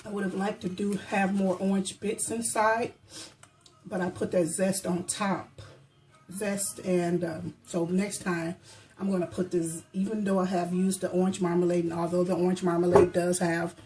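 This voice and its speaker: A woman with a mellow, soft-edged voice chats casually in her home kitchen as she bakes and samples her treats. She hums as she savors each bite and talks with her mouth full, in a relaxed, chatty way. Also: fairly low pitch, moderate pace, faint music behind, low-quality recording. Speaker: baking vlogger. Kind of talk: casual chat.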